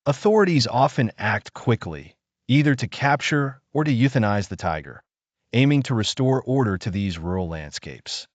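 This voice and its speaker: A man narrating a scripted nature documentary in a measured, solemn and dramatic storytelling manner, recorded close on a voice-over mic. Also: medium pitch, lively intonation, dry recording, lo-fi sound.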